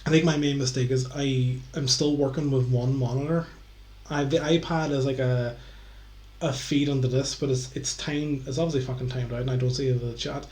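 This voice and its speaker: A man's voice: mid-range voice, steady tone, brisk, darkish tone. A very drunk man rambles casually as he hosts a live stream, swearing and stumbling over his words. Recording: roomy, echoey room sound.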